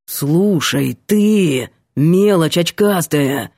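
Rude young student guy, low dry voice, snaps threats, woman putting it on. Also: unhurried, dark tone, no echo. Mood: angry. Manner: brusque, threatening.

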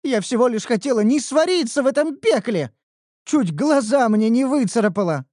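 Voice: mid-range voice, lively intonation, normal speed, darkish tone, dry recording, clean studio sound, voice pushed up, close to an everyday voice. A narrator voicing a whiny young female red elf apprentice who complains and pleads dramatically in an audiobook. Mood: whining. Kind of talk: audiobook character voice.

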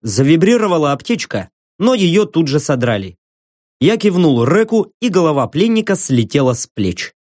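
A man reading a first-person story aloud in a slow, deliberate, grim way. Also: a little high, big pitch swings, darkish tone, no echo, clean studio sound. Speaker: audiobook narrator. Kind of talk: first-person fiction narration.

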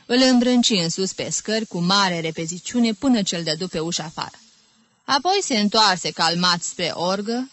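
A woman reading a literary novel aloud as an audiobook, in a lively, expressive storytelling manner. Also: on the low side, dry recording. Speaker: audiobook reader.

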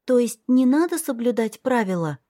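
A woman's voice: expressive, normal speed, mellow, dry recording, studio quality, close to an everyday voice. A woman doing a stubborn little girl princess. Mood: curious. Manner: whiny, insistent, high childish voice. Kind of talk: audiobook character voice.

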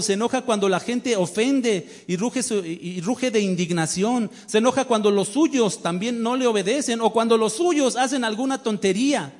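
A man's voice: sits high, a little mellow. A male pastor preaching a sermon, emphatic and full of rhetorical questions to the congregation.

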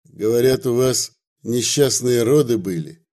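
A courteous, earnest official from the city read by a man asks careful questions in a calm voice. The pace is slow and the tone mellow. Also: mid-range voice, natural voice. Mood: polite.

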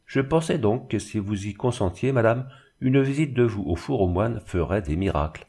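A man voicing an obsequious, smooth-talking village bailiff with an unctuous, honeyed manner. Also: fairly low pitch, expressive, moderate pace, a little mellow. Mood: wheedling.

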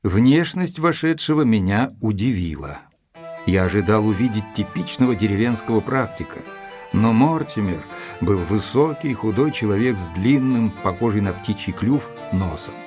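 An actor playing a composed, observant male doctor who narrates a detective story in an audio drama, in a measured, descriptive way. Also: lowish voice, lively intonation, lightly acted. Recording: instrumental music under the voice.

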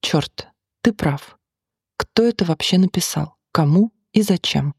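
An audiobook reader voicing a brash, curious male bar manager who keeps needling his drinking friend, in a husky voice. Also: medium pitch, expressive, measured pace, a little mellow, no room sound, clean studio sound, exaggerated voice. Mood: pondering.

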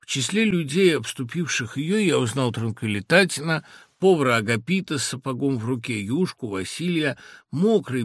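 A man's voice: no echo, clean studio sound. A man reading a classic story aloud as narrator. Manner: acts out crowd voices with loud raised pitch. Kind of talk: literary audiobook reading.

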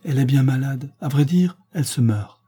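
A man reading aloud voices a chatty middle-aged society lady, lifting his pitch as she gossips. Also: a little fast, warm tone, slightly rough, soft background music. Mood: gossiping.

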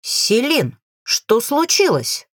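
A woman's voice: medium pitch, very animated, moderate pace, husky, no echo, studio quality. Woman playing a cheeky persistent young mage. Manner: playful teasing, dashing grin in the voice.

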